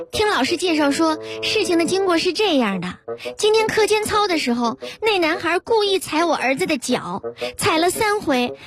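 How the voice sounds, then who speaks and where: A woman radio host, telling comic stories in the first person over background music. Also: very high voice. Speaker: radio host reading jokes. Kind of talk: scripted comic storytelling. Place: radio studio.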